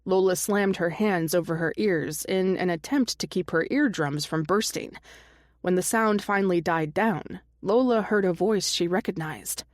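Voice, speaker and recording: A woman's voice: lowish voice, normal speed, dry recording, clean studio sound. A woman narrating a romance audiobook, reading every character herself with small shifts in her voice.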